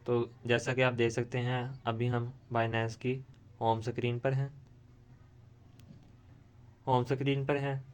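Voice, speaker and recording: A man's voice: mid-range voice, level tone, takes it slowly, long pauses, clear, resonant tone. A man, hosting a screen-recorded tutorial and explaining steadily, with frequent restarts. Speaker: tutorial host.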